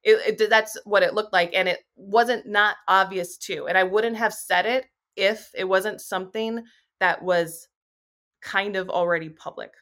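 A woman's voice: mid-range voice, fairly even intonation, measured pace, fairly bright tone. Candid, rambling woman on a podcast. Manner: rambling, filler-heavy, candid. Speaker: astrologer and YouTuber. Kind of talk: casual podcast conversation.

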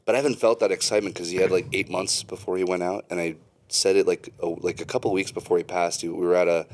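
Man, co-host, very low voice, talks fast, rambling. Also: little pitch movement. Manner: rambling, filler-heavy storytelling. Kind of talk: casual group discussion.

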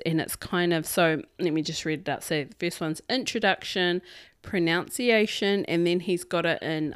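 A woman with a New Zealand Māori accent co-hosting a podcast, chatting casually in an expressive, informal, bantering way. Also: on the low side, no echo, clean studio sound. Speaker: podcast co-host. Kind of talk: casual chat.

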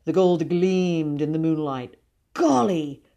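A woman reads a classic children's book aloud as a podcast host, with a fairly low voice. Her storytelling is measured and expressive.

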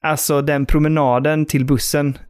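A man's voice: fairly high pitch, little pitch movement, darkish tone, clean tone. A man co-hosting a podcast, telling a story animatedly and acting out quoted voices. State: tired. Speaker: podcast co-host. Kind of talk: casual chat.

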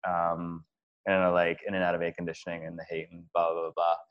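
Man, casual storyteller, lots of fillers, fairly low voice, dull lo-fi sound. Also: completely flat delivery, fairly quick, clean tone. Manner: rambling, many fillers and restarts. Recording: dull lo-fi audio.

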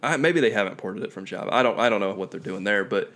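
A young man in casual gaming chat, relaxed and rambling, laughing often. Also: fairly low pitch, quick pace.

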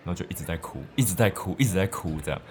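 Lively fast-talking man. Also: sits low, faint music behind. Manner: animated storyteller, laughs often, swears casually. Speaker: podcast co-host. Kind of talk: casual bar chat.

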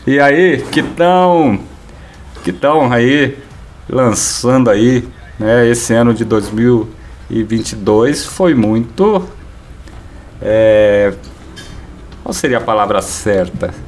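A Brazilian man hosts a live radio show in casual talk. His voice sits at an ordinary male pitch, with faint noise behind it. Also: slow pace, pauses often, a little mellow.

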